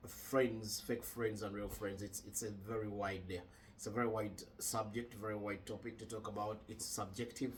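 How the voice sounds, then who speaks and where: A man from Uganda co-hosting a casual podcast chat, measured and thoughtful with frequent hesitations. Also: lowish voice, level tone, far from the mic, a little hiss or hum. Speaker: podcast co-host.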